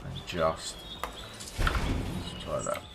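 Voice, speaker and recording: Over loud music, a middle-aged man speaks extremely slowly while streaming a game. His commentary is casual and rambling, wry between asides, with offhand swearing.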